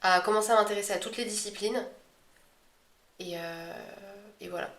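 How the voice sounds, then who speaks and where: A woman's voice: mid-range voice, steady tone, moderate pace, fairly bright tone. A woman co-hosting a podcast, talking in a casual, conversational way about herself and her views. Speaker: astrology podcast co-host. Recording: echoey room.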